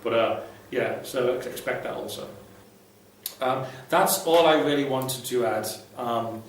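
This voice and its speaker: Unhurried and mid-range in pitch, this man casually gives viewers blunt, irreverent, sweary advice without a script. He's an ex-Jehovah's Witness who hosts an advice vlog, captured through a distant mic in a very echoey room with faint noise.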